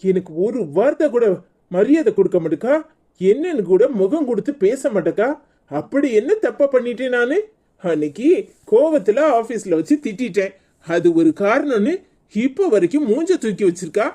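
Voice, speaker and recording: A woman's voice: on the high side, big pitch swings, normal speed, mellow. A woman voicing a proud, defensive middle-aged husband in a cartoon, with a Kanyakumari Tamil accent. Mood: indignant. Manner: complaining, defensive. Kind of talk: cartoon voice acting.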